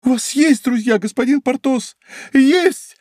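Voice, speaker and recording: A man's voice: expressive, a little fast, no echo, clean studio sound. A man voicing a miserly, lovestruck middle-aged prosecutor's wife who pleads and scolds. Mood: eager. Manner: pleading, shrill, emotional.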